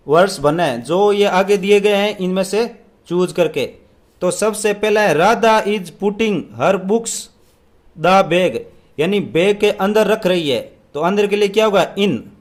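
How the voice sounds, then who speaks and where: A young man teaching an English exam paper, asking questions and answering them himself, reading the English lines out slowly. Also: sits high. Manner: asks and answers own questions.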